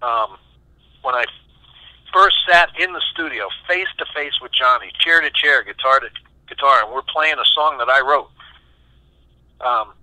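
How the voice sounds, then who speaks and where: A man answers interview questions as an animated storyteller, stopping and restarting as he goes. His voice is bright and forceful with a pointed edge. The recording is dry and close, with no room around it. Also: mid-range voice, unhurried, pauses often, dry recording, low-quality recording. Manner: animated, acts out quoted voices, many restarts. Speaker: session guitarist, interview guest.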